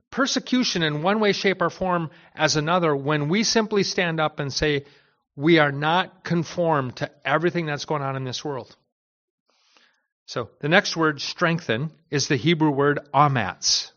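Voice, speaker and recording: A man's voice: on the high side, a bit bright. A man preaching a sermon to a church, earnest, asking rhetorical questions and often adding "right?". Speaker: pastor. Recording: dull lo-fi recording.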